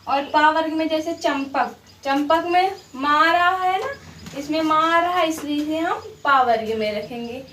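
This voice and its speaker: A woman's voice: high voice, measured pace, fairly bright tone. A woman teaching a grammar lesson, explaining patiently and repeating each example while checking that her students follow. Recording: roomy, distant mic with faint background noise.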